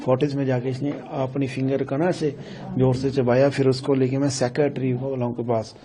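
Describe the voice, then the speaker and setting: A middle-aged man from Himachal Pradesh, a grieving father, recounting events in a news interview in a halting, repetitive way, often quoting what his family said. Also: medium pitch, little pitch movement, dark tone. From Himachal Pradesh, India. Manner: repetitive, halting storytelling that quotes family dialogue.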